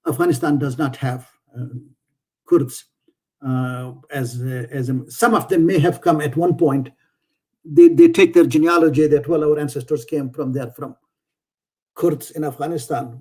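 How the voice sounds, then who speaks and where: A man giving an informal lecture who stops and repeats words often and fills pauses with "uh". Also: mid-range voice, warm tone, husky. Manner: halting, repeats words, many fillers.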